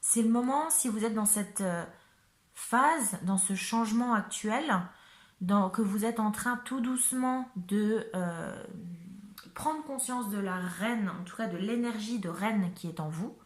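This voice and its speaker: A woman's voice: mid-range voice, slow. Chatty woman reading tarot, echoey room. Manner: chatty, hesitant, many fillers, checks in with viewers. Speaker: tarot card reader. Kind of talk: casual tarot reading to camera.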